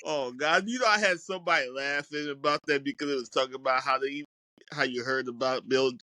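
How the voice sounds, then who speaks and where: A man co-hosting a casual sports podcast, laid-back and quick to laugh. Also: medium pitch, sharp tone, dry recording. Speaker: podcast co-host.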